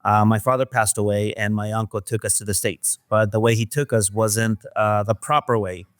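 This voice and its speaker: A man from Mexico, a guest in an interview, talking in a soft, hesitant way with many fillers. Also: fairly low pitch, steady tone, moderate pace, no echo. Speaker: guest, restaurant owner. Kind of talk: casual interview talk.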